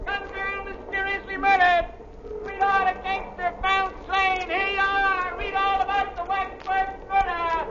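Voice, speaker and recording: A performer playing a shrill newsboy hawking papers in an old radio drama. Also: female voice, monotone, unhurried, long pauses, pushed and bright, slight background noise, full character voice. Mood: shouting. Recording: muffled old radio recording.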